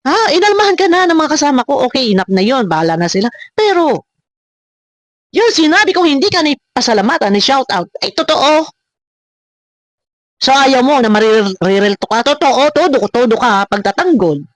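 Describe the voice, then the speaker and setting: A woman speaks at a moderate pace in a high voice with big pitch swings, and there's no room sound. In her reaction video she goes after her critics directly, ranting with repeated words and rhetorical questions.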